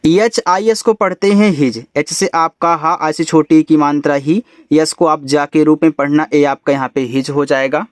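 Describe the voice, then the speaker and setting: A man's voice: on the high side, fairly even intonation, moderate pace, hardly any pauses, no echo, clean studio sound. A man teaching English, spelling out each word letter by letter and explaining its meaning patiently. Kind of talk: spelling out and reading a story word by word.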